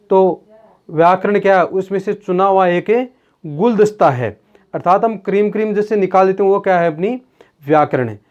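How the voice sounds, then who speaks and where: High-voiced man teaching grammar. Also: a little mellow. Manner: explains step by step with rhetorical questions. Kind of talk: classroom-style lecture. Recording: dull lo-fi sound.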